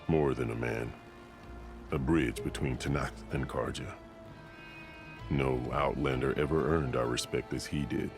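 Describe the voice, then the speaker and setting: A battle-scarred warrior chief with an exceptionally deep, exaggerated voice speaks in dramatic video game dialogue, formal and solemn like a ruler who values order. His intonation is fairly even and his storytelling measured, with music playing clearly behind him.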